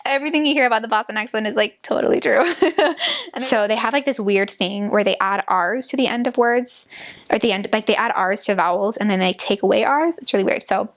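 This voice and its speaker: A woman in her twenties chatting casually and telling humorous anecdotes in a giggly, animated way, with "like" sprinkled throughout. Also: medium pitch, fast. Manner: giggly, animated storytelling with frequent "like". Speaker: former missionary telling stories.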